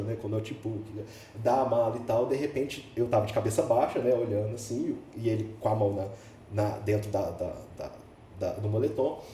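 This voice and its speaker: Fast-talking Brazilian man telling a story. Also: medium pitch. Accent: Brazilian Portuguese. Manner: lively, acts out dialogue, laughs often. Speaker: podcast guest. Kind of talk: animated storytelling. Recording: echoey room, mic at a distance, faint background hiss.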